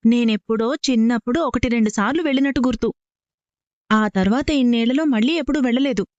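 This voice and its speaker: An actress playing a cool evasive young woman, slightly high pitch, dry lo-fi sound. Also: fast talker, a little mellow, dry recording, close to an everyday voice. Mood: guarded. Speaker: actor in a TV serial. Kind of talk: TV serial acting.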